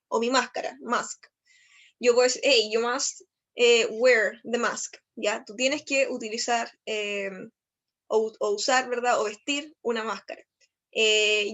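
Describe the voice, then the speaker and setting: A woman with a Chilean Spanish accent, teaching a technical English lesson and explaining step by step, checking in often and slowing down for the English examples. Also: a little high, fairly bright tone. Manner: slows down to spell out English examples. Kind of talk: recorded online lesson.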